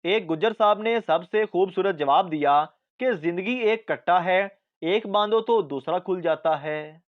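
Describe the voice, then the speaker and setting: A man reading out a string of short jokes as the narrator, with a measured delivery of the punchlines. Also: high voice, highs cut off. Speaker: joke narrator.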